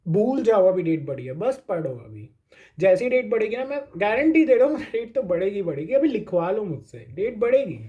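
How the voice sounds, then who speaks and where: A man's voice: sits high, very animated, normal speed, dark tone, lo-fi sound. A man giving a casual pep talk to exam students, reassuring them and repeating his points, with English phrases mixed into his talk. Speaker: exam coaching YouTuber.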